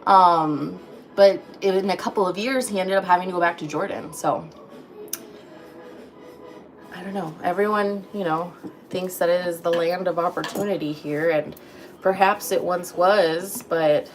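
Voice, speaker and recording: A woman's voice: on the low side, fairly even intonation, unhurried, a little hiss or hum. A woman in her thirties chatting casually on a livestream from her home kitchen, greeting viewers by name. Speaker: livestream host. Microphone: phone.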